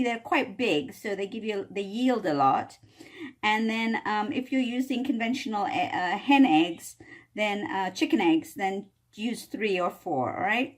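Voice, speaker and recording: A woman hosting a home cooking video, explaining a recipe in a casual, chatty way and often checking in with "all right?". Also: fairly high pitch. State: coughing a little from chili fumes. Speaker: cooking channel host. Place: home kitchen.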